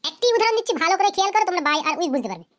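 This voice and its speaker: A woman voicing a very high-pitched cartoon teacher. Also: big pitch swings, racing. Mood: explaining. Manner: asks pupils questions, then answers them. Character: patient female cartoon teacher explaining grammar. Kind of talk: children's cartoon grammar lesson.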